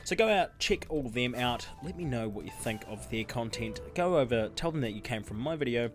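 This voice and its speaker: A man's voice: mid-range voice, expressive, fairly quick, over music. A man giving casual gameplay commentary as a YouTuber. He rambles, interrupts himself and chuckles as he talks. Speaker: gaming YouTuber.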